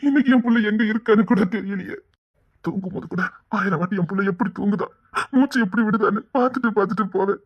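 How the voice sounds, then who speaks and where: In a tearful serial drama, an actor plays a grief-stricken father, desperate and stubborn, who cries and begs for his missing child, repeating himself again and again. His voice is high-pitched and fast, and the recording is lo-fi.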